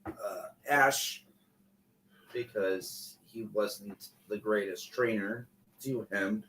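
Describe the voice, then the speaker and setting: A middle-aged man chatting casually on a livestream in a loose, halting, tipsy ramble. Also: on the low side, fairly bright tone. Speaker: streamer. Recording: clearly noisy room recording with clicks.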